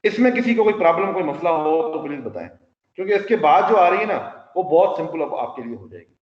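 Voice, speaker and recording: A man's voice: a little high, animated, fast. A man teaching a lecture, explaining step by step with rhetorical questions and English technical terms. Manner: mixes English technical terms into his speech. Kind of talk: classroom lecture. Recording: roomy hall sound, dull lo-fi audio.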